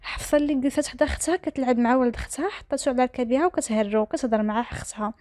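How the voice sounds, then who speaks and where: Brisk Moroccan woman storyteller. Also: high voice, a little mellow, no echo. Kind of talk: storytelling narration.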